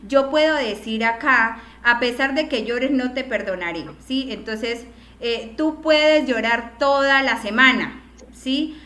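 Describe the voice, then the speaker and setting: A woman teacher explains a lesson patiently, pausing often to check that her students follow. Her voice sits a little high. The sound carries a noticeable room echo. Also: sharp tone. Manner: explanatory, frequent checking questions. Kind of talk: online class lecture.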